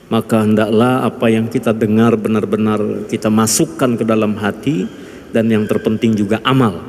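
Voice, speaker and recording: Flat-voiced male host in a mosque hall. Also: medium pitch. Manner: formal and measured. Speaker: event host. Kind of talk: closing remarks. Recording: reverberant hall with faint noise.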